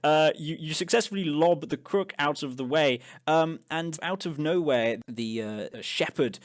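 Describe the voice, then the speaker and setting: A man's voice: a little high, a little slow. A man narrating as game master of an improvised tabletop role-playing game, often restarting his sentences. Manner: hesitant, with repeated restarts.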